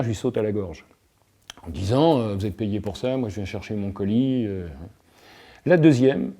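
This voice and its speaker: A man's voice: medium pitch, dark tone. A man speaking as a guest in a discussion, philosophical and playful, telling everyday anecdotes and playing with words. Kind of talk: reflective talk in a discussion.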